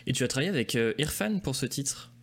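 A man hosts a casual live morning show, talking to his guest with eager enthusiasm. He praises freely and fills pauses with small hesitations. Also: mid-range voice, lively intonation. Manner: enthusiastic, admiring, hesitant fillers. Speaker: host. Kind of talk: casual interview chat.

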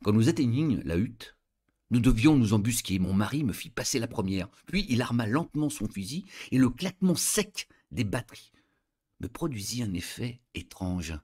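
A man reading a story aloud as narrator in an expressive, dramatic way. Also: mid-range voice, normal speed, breathy edge.

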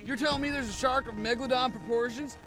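An actor playing an incredulous, excitable man in a campy low-budget film. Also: brisk, poor audio. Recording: music over the voice.

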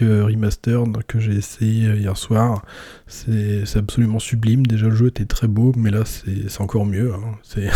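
A man's voice: fairly low pitch, dark tone, no room sound, studio quality. A man hosting a casual solo podcast, talking in a hesitant way with many fillers and restarts. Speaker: podcast host.

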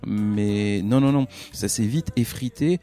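A man's voice: on the low side, slow, dark tone. A man co-hosting a podcast about old records, talking casually, well-informed and dryly contradicting his partner. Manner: knowledgeable, dry, contradicts playfully. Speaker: podcast co-host. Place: recorded together in person.

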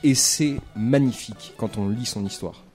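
A man's voice: on the low side, moderate pace, a little mellow. Enthusiastic male co-host, chatty, faint background music. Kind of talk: enthusiastic casual chat.

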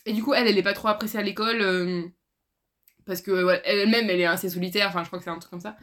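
A woman's voice: mid-range voice, steady tone, very fast, a bit bright. A young woman co-hosting a casual podcast, rambling through a plot summary with hesitations. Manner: rambling, hesitant, many "tu vois". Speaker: podcast co-host. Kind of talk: casual chat about books.

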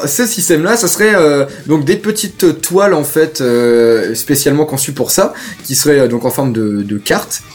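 A young man co-hosting a casual podcast, rambling and hesitant with many fillers. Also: on the high side. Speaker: podcast co-host.

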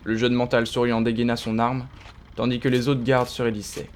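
A man giving steady, understated scripted narration of an audio drama. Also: medium pitch, a little fast, slight background noise.

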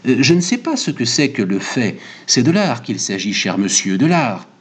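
A jittery village barber with a razor and an unsettling obsession, his voice pitched up and hurried, eager and stammering, as a man reads him aloud. The tone is husky and the lines swing up and down. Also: big pitch swings, fairly bright tone. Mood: troubled.

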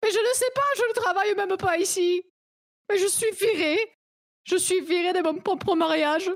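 A woman's voice: very high-pitched, moderate pace, no room sound, clean studio sound. A woman playing a coworker's distraught wife who has just been fired, whining theatrically in a live improv scene.

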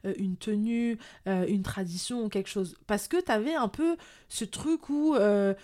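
A woman's voice: medium pitch, measured pace, mellow. A French woman speaks candidly as an interview guest. Her talk is loose and conversational, full of small fillers and restarts. She sounds open and talkative. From France. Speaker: guest, entrepreneur and influencer. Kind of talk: casual interview chat.

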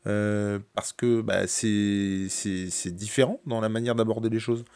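A man's voice: lowish voice, steady tone, a little slow, a little mellow, smooth, no echo. A man hosting a casual podcast, giving playful, grandiose introductions and often restarting his sentences. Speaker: podcast host.

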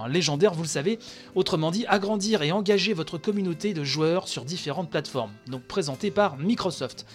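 A man hosting a solo podcast, talking through news in a chatty way, with many fillers while reading and quoting an article. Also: a little high. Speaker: podcast host.

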